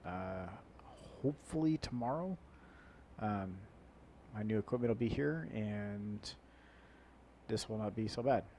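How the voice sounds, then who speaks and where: Male let's play host, lowish nasal voice, rambling and muttering casually, cheap mic with faint chopper-like noise. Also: measured pace, pauses often, warm tone. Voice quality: nasal, congested-sounding. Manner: rambling, muttering to himself while playing. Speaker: gaming video host. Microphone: low-quality microphone. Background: helicopter-like equipment noise.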